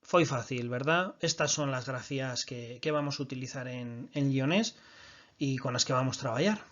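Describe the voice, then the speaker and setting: A man's voice: mid-range voice, normal speed, fairly bright tone, lo-fi sound. A man teaching a recorded online language lesson, explaining patiently and often checking that his listeners follow.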